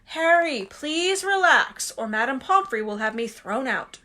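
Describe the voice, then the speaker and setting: Casting: a woman doing a gentle, wry old storybook headmaster, slow and soothing, lively lilt. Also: high-pitched, exaggerated voice. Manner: gentle, unhurried, dryly humorous. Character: kindly old male wizard headmaster, calm and wry. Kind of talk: reading a novel aloud.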